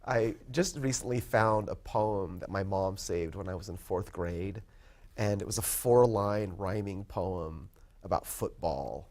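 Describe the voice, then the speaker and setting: A man in his fifties with a fairly low voice chats about his writing in an easy interview. He sounds thoughtful and modest and often pauses with an um or starts a sentence over. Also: darkish tone. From born in Korea, raised in California. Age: 50s. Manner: thoughtful, modest, hesitant with ums and restarts. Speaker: poet and college professor, guest. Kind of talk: casual interview chat.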